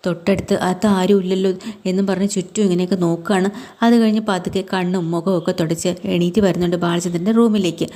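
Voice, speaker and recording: A woman's voice: medium pitch, dark tone. A woman hosting a casual, chatty episode recap of a TV serial. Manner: chatty, tags lines with kettō.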